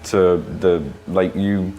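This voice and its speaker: A woman's voice: extremely low pitch, little pitch movement, slow pace, dark tone, poor audio. A woman hosting an interview, prompting her guest with affirming questions and frequent short agreement sounds. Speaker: interviewer host.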